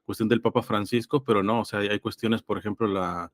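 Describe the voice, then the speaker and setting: A man's voice: on the low side, fairly even intonation, a little fast, no echo, studio quality. A man with a slightly congested throat, speaking hesitantly and reflectively as an interview guest in a theological conversation. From Los Angeles, California. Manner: hesitant, reflective, explains through examples and citations.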